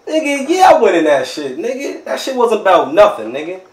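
A man's voice: sits high, very animated, fairly quick, reverberant. A man playing a brash street hustler. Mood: scornful. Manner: brash, profane street talk, repeats filler words. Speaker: street character in a crime drama. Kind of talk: improvised-sounding crime drama acting. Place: city sidewalk at night, outdoors.

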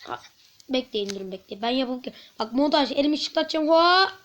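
A woman commenting while playing a video game, chatting to her viewers and bursting into frustrated shouts. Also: sits high, expressive, brisk, dull audio. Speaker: gaming YouTuber. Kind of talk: let's-play commentary.

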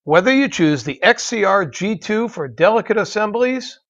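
High-voiced male ad narrator. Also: lively intonation, normal speed, a bit bright, muffled recording. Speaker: product ad voice-over. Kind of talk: scripted ad narration.

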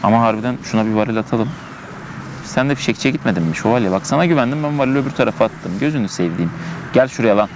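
A man's voice: mid-range voice, lively intonation, racing, noisy background. A man giving casual gameplay commentary, chatting and thinking aloud as he plays, often repeating himself, recorded outdoors in a park.

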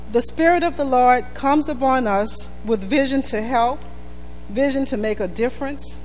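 A woman pastor preaches a sermon with earnest emphasis, her fairly high voice rising and falling as she repeats her points. The sound carries a long church-hall reverb, with faint music underneath. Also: a little mellow. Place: church sanctuary.

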